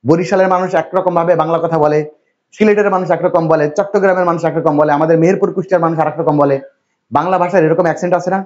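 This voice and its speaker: A man from Bangladesh lecturing a classroom, his voice a little higher than most men's. He talks in a repetitive, reassuring way and keeps quizzing his students. The recording is dull and lo-fi. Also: steady tone, very fast, a little mellow. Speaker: English teacher.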